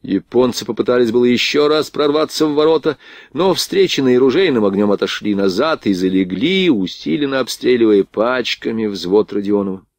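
A man reading a historical war novel aloud as an audiobook narrator, with a steady literary delivery. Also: mid-range voice, moderate pace, no room sound, studio quality. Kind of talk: scripted narration.

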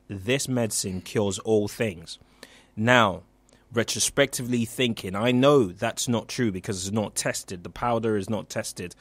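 Radio host, young man from Nigeria, earnest motivational talk with ums, low-pitched, dry close mic. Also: no echo. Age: young adult. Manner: earnest, with frequent um and uh fillers.

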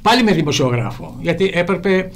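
Older man with a high, gravelly voice. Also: expressive. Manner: rambling, frequent restarts and repeated "he tells me". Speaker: actor guest. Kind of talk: anecdotal storytelling on radio. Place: radio studio.

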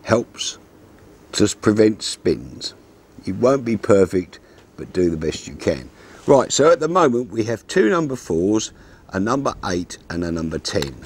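A man in his sixties calmly explaining a fishing setup step by step, seated outdoors at a garden table and talking into a lapel mic. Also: on the low side, unhurried, a little hiss or hum. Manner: calm, methodical, practical explanations. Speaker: fishing instructor. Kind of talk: step-by-step tutorial.

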